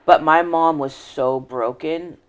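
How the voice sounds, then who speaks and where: A woman's voice: deep voice, steady tone, slow pace. A woman telling her personal life story in an interview, earnest and reflective, often trailing off and restarting her sentences. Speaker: podcast guest.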